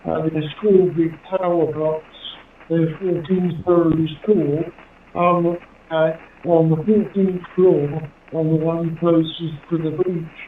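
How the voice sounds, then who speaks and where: A man's voice: fairly high pitch, flat delivery, slow, reverberant, far from the mic. A man from Jersey in the Channel Islands chatting and giving call signs as a ham operator over two-way radio. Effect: two-way radio transmission. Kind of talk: ham radio contact, phonetic spelling and casual chat. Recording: tinny handheld radio through repeater, faint hiss.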